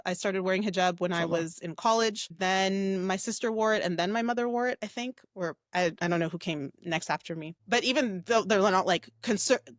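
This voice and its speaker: A woman's voice: medium pitch, no room sound, studio quality. A woman raised in the United States, a mindset coach, talking in a casual, reflective way about her upbringing, with many fillers and tag questions. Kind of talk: casual interview talk.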